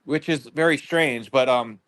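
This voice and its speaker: A man guest on a livestream, talking in a rambling, halting way with many restarts. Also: mid-range voice, a bit bright. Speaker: guest neighbor. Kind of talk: casual livestream interview.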